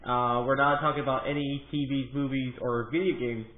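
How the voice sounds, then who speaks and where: A man chats casually as a podcast host, rambling a little as he finds his words. His mid-pitched voice sounds narrow and phone-like, with a clear room echo. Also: flat delivery, fairly quick. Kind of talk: casual chat. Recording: roomy, thin phone-like line.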